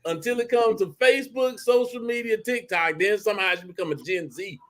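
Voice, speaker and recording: A man's voice: high voice, fairly quick, fairly bright tone. A man co-hosting a casual talk show, needling the others with wisecracks. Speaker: co-host. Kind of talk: casual banter among co-hosts.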